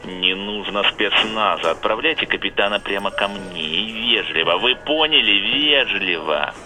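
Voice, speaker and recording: A man playing a calm, commanding police colonel in an audio drama, curt and firm. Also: fairly low pitch, normal speed, natural voice, rough recording.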